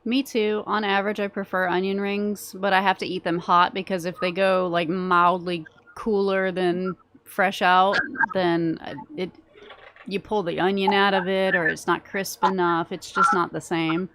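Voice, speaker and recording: A woman's voice: on the low side, little pitch movement, normal speed, fairly bright tone, a little hiss or hum. A woman in her thirties hosting a casual chat, giggling and reading out viewer comments. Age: 30s. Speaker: vlog host.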